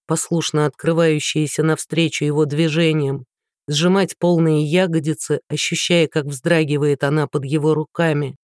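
A woman narrating a romance novel in an even, matter-of-fact storytelling voice. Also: deep voice, dry recording, studio quality. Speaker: audiobook narrator. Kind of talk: scripted narration.

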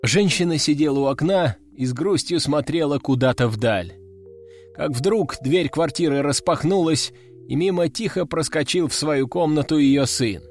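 A man's voice: fairly high pitch, moderate pace, faint music behind. A man narrating an audiobook in a wry, matter-of-fact way.

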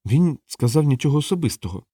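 A man's voice: on the high side, animated, fast, warm tone, husky, no echo, clean studio sound, voice pushed up. A man voicing a freshly dead male clown, puzzled and plaintive. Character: dead male clown, bewildered but mild.

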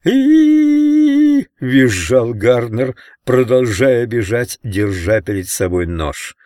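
A man reading an audiobook as narrator in a measured, steady way. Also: lowish voice, no echo, studio quality. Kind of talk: scripted narration.

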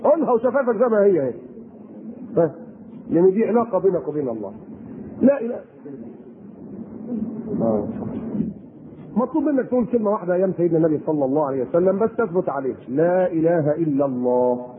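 Egyptian male preacher, high fast delivery, lo-fi tape with faint hiss. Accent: Egyptian Arabic. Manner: animated, rhetorical questions to the audience. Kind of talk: Egyptian colloquial sermon. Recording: tinny lo-fi recording with faint noise.

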